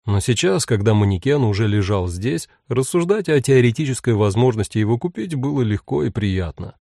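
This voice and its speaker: A man reads an audiobook with a mellow, gravelly voice and a lively, expressive lilt. His ironic asides land with playful emphasis, and the sound is close and dry. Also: medium pitch, brisk, no echo. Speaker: narrator. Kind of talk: audiobook narration.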